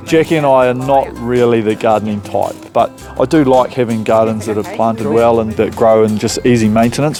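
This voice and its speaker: A man's voice: lowish voice, warm tone. A man with a New Zealand accent, talking informally and plainly as a homeowner on a renovation show. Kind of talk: casual chat to camera.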